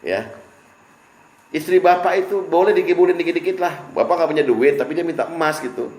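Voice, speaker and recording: A man's voice: a little high, animated, brisk, darkish tone. A man leading an informal religious study session. He jokes and keeps asking his audience questions. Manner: jokey, asks the audience questions. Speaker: preacher. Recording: echoey room.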